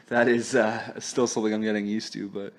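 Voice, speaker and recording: A man's voice: lowish voice, little pitch movement, moderate pace. A man hosting a casual sports talk podcast, chatty and easygoing, laughing often and using plenty of fillers. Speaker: podcast host.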